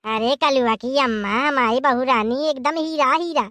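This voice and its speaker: A woman voicing a gossipy old village neighbor who brags in an Awadhi accent, slower and lower than her other voices. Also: fairly bright tone, no room sound. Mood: boastful. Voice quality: gossipy, bragging.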